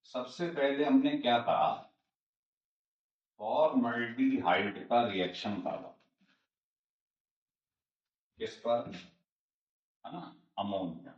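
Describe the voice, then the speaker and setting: A man's voice: mid-range voice, expressive, unhurried, long pauses. A man giving a chemistry lecture, explaining each step over and over and answering his own questions. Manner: repetitive step-by-step explaining, asks and answers himself. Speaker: chemistry teacher. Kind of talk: classroom lecture. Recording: roomy, distant and dull-sounding.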